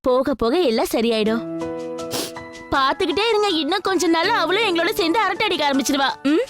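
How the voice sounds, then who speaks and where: An actress playing a cheerful young married woman who briskly consoles her aunt, in a TV serial with music behind. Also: high voice, lively intonation, fairly bright tone. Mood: reassuring. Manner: brisk, reassuring. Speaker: young relative, niece-in-law. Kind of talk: TV serial acting.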